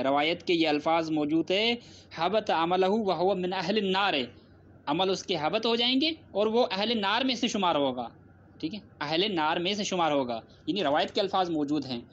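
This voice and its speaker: A man's voice: high-pitched, fairly bright tone, highs cut off. A man giving a formal religious debate reply, repeating his points with emphasis and citing scripture. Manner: repetitive, emphatic, cites scripture and hadith.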